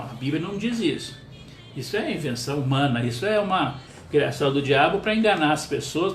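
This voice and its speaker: A man preaching a sermon as pastor, earnest and measured, pausing often with small fillers. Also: fairly high pitch, echoey room, slight background noise.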